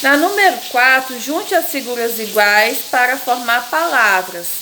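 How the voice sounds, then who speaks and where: A woman teacher with a Brazilian Portuguese accent explaining a lesson patiently, repeating words slowly to stress their syllables. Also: on the high side, expressive, background noise. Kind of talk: recorded classroom lesson.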